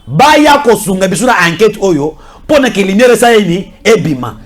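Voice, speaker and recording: Speaking at normal speed in a high, very animated voice, a Congolese man delivers heated political commentary. He switches between French and Lingala, insisting on his points with lots of repetition.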